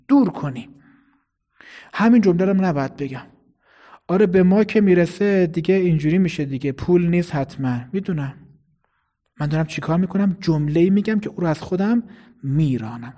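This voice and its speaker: A man preaching a sermon in a measured, explanatory way, sometimes demonstrating tones of voice. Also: on the high side, mellow.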